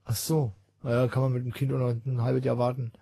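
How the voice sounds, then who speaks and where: A man's voice: medium pitch, flat delivery, fairly quick, creaky, warm tone, husky, no echo. A man hosting a call-in radio show, rambling and joking with lots of fillers.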